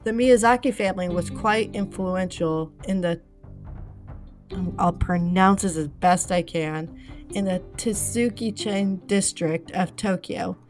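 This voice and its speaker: A woman's voice: lowish voice, unhurried, darkish tone, faint music behind. A woman reading a true-crime script with casual asides, stumbling often, apologizing and using many fillers, with the hiccups.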